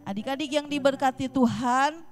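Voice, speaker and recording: A woman teaching Sunday school, telling a Bible story to children in a lively way, asking them questions and acting out short lines from the story. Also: high-pitched, normal speed, soft background music. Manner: animated, addresses children directly with questions.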